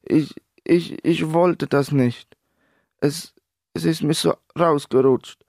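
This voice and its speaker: A man voicing a hot-tempered young male footballer who shouts brashly in a storybook reading. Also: on the low side, very animated, brisk, no echo, studio quality. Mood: sheepish.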